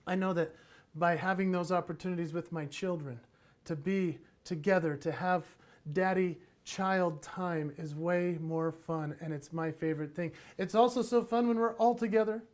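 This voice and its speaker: High-voiced animated male speaker. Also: normal speed. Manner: animated and playful, acts out voices. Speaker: keynote speaker on parenting. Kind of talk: motivational conference talk.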